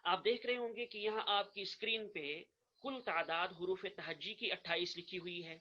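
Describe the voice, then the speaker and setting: A man teaching an online course, earnest, repeating his points and reciting the letters slowly, in a dull lo-fi recording. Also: high-pitched, sharp tone. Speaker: Arabic grammar teacher. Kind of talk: online lecture.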